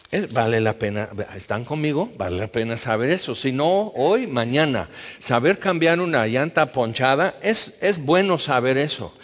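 A man preaching a sermon in a conversational way, acting out the voices he quotes. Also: medium pitch. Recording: dull sound with long reverb.

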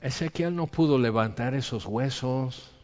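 A man preaching a sermon, swinging between loud emphatic lines and soft quiet ones. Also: mid-range voice, a little slow, long reverb tail, lo-fi sound. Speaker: pastor.

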